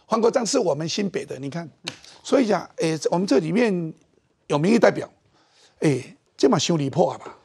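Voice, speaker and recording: A middle-aged man with a Taiwanese Mandarin accent, hosting a political talk show with animated, mocking commentary. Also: high voice, a little fast, creaky, breathy edge.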